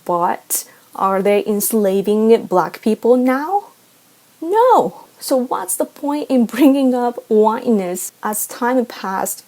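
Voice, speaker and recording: A woman from Japan with a Japanese accent, hosting a vlog and keeping her voice quiet and toned down as if late at night. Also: mid-range voice. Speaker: vlog host. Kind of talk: talking to camera, opinion commentary.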